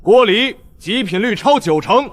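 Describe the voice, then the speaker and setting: A man's voice: high-pitched, animated, measured pace, fairly bright tone, long reverb tail. An actor voicing a male tournament judge announcing the rules and results formally.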